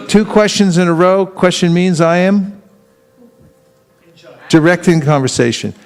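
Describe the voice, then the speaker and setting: A man with a slightly higher-pitched voice is teaching a live seminar. He keeps throwing questions at the room and slips into little acted-out exchanges to show how a conversation goes. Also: unhurried. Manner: keeps quizzing the audience with questions; acts out street exchanges in quoted voices.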